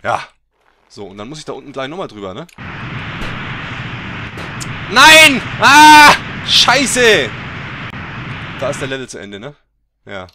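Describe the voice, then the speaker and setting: A man giving let's play game commentary, excitable and teasing, who swears and bursts into loud yells. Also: medium pitch, fast, long pauses, noisy background. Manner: mocking, teasing banter.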